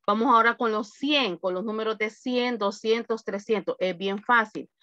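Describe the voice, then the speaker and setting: A woman teaching an English class over a video call, slowly and patiently drilling lists of numbers. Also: a little high, pushed and bright, no room sound. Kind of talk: online class lesson. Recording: dull, lo-fi video call audio.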